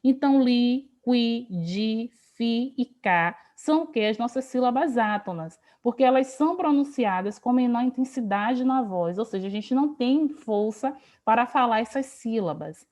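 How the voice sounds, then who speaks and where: Brazilian woman teacher, slightly high voice, video-call lesson, patient and explanatory. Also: warm tone. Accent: Brazilian Portuguese. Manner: explanatory, stretches words slowly for emphasis. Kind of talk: online grammar lesson.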